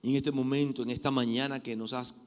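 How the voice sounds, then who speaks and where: A man preaching a sermon, emphatic and given to repeating phrases, shifting from loud exhortation to quiet prayer. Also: mid-range voice, flat delivery, quick pace, clean tone. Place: church. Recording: long reverb of a church hall.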